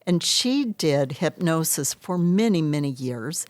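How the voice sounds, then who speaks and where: A woman with a low voice gives interview answers at a very unhurried pace. She explains things earnestly, in measured short phrases. The sound is dry and close. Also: animated, no room sound. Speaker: hypnotherapist interview guest.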